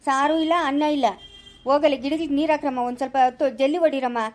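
A woman's voice: sits high, fairly even intonation, racing, a little mellow, faint music behind, close to an everyday voice. A woman with a Chikkaballapura Kannada accent playing a strict female jail guard who barks orders. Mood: bossy. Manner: bossy, ordering.

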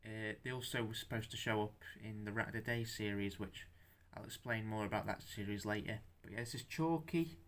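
A young man talking through his handmade stop-motion figures in a casual show-and-tell, halting and stammering, swearing now and then, self-conscious about speaking out loud. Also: lowish voice.

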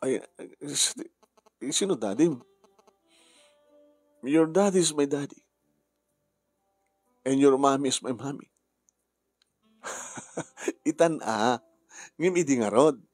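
A man's voice: mid-range voice, expressive, takes it slowly, long pauses, darkish tone, no room sound, soft background music. A man speaking heartfelt family drama dialogue.

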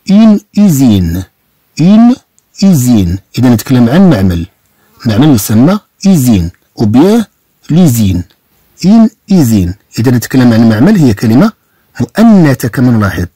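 Husky Moroccan man teaching French slowly. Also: medium pitch, warm tone, dry recording. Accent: Moroccan Arabic. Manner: slow, deliberate, repeats and spells out each word. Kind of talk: online language lesson.

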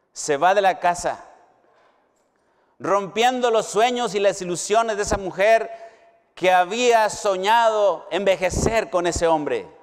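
A middle-aged Mexican pastor preaching slowly and emphatically, his clear, resonant voice sitting a little high for a man. He leans on long pauses and swings between raised, ringing lines and hushed ones. The sound trails off into the long reverb of a large hall. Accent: Mexican Spanish. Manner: slow, emphatic preaching with dramatic pauses and swings in pitch and volume. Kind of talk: sermon. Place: university hall or chapel.

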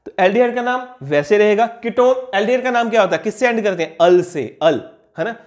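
A high-pitched young man teaches a chemistry class at the board. He asks questions and answers them himself, repeating each key term slowly so it sticks. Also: lively intonation. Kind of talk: classroom lecture explaining on a board.

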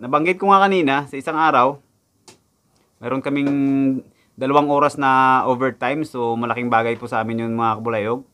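Talking in a mid-range voice that is a bit bright, fairly even in intonation and a little fast, a young man from the Philippines explains his overseas factory pay. The casual vlog is shot indoors against a backdrop, and he chats to viewers while repeating the numbers.

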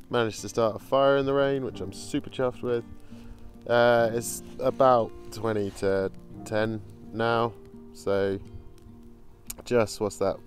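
Filming himself in wet woodland, a bushcraft vlogger keeps up cheerful, casual commentary sprinkled with playful humor. His mid-range voice has a slightly mellow quality.

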